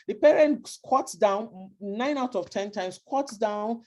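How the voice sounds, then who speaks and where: In a slow, mellow, medium-pitched voice, a Nigerian-accented woman gives immigrant parents earnest advice. She is emphatic and keeps repeating her central points.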